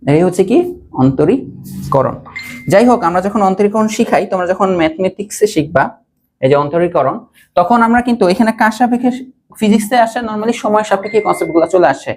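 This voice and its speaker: A man's voice: high voice, expressive, a little fast, a little mellow. Young man, online math tutor; question-and-answer style, keeps checking that the class follows. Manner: repeats key points as questions and keeps checking that students follow; mixes English math terms into casual speech. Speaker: teacher. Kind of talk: online physics and math lesson.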